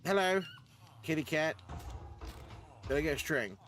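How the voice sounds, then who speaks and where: A man's voice: a little high, expressive, a little slow, fairly bright tone, slight background noise. Male streamer, bouncy upper voice, chatty game commentary. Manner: chatty, rambling, talks to himself and teammates. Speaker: gaming streamer. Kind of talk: casual gameplay commentary.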